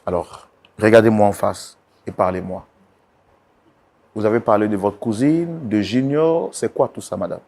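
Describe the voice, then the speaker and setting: Insistent male mediator calming a couple. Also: lowish voice, moderate pace, pauses often. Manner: insistent, repeats commands to calm down. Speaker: mediator host.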